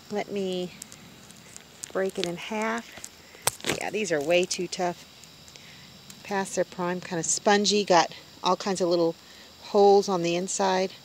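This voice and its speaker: A woman's voice: on the low side, a little hiss or hum. A woman in her fifties vlogging casually on a walk through the woods, chatty and wondering aloud as she goes, recorded on a handheld phone outdoors. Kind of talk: casual walk-and-talk vlog. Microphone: handheld phone camera.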